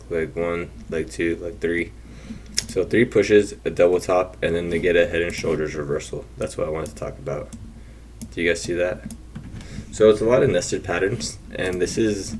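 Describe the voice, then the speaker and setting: Man, very deep voice, casual screen-recorded chart walkthrough, thinking aloud with restarts, faint keyboard typing. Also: slight background noise. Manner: thinking aloud, repeats and restarts, occasional throat clearing. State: has the hiccups. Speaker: day trader reviewing charts.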